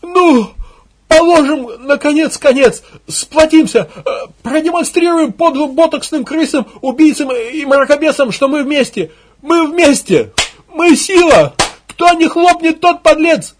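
A man's voice: very high-pitched, lively intonation, a little slow, voice pushed up. A man voicing a frenzied male propagandist who whips a crowd into chanting, his voice climbing to a screech. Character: shrieking male rabble-rousing propagandist.

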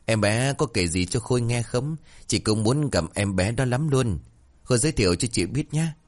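A man voicing a gentle, caring young woman who speaks softly and coaxingly. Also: mid-range voice, animated, normal speed, pitched above the performer's own voice, lightly acted. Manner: soft, coaxing.

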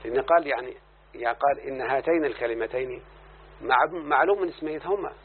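A man's voice: mid-range voice, fast, husky. A man with an Egyptian accent teaching a grammar lesson, explaining verses and checking in with his student. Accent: Egyptian Arabic. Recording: lo-fi phone-like recording with faint hiss.

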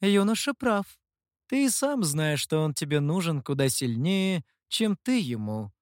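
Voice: mid-range voice, sing-song, unhurried, dry recording, studio quality. A reader voicing a sly, teasing female fox demoness in an audiobook, speaking in a mocking, playful way. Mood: knowing. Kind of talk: audiobook character voice.

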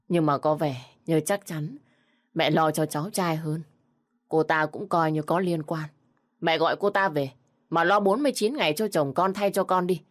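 Weary young widow in a storybook, restrained and low, voiced by the narrator. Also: female voice.

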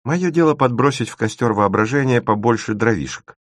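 A bright, teasing young girl pops out weird words one after another, as a man puts her on. Her voice sits high above the reader's own and swings lively. The sound is dry and close. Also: no room sound, close to an everyday voice. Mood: playful. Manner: bright, teasing, rapid-fire offers. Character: quick-witted young girl, playful word-inventor.

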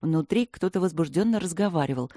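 A man narrating an audiobook in an even storytelling voice. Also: fairly high pitch, brisk, dry recording, clean studio sound. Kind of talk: scripted narration.

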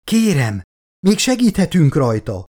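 A man voicing a desperate young woman scientist, with high-pitched cries and pleas in an audiobook. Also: wildly swooping pitch, a little mellow, slightly rough.

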